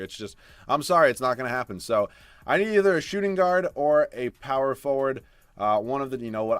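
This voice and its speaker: A young man casually commentating his basketball video game as he plays, swinging from low mutters to loud swearing outbursts. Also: smooth, dry recording. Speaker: gaming streamer.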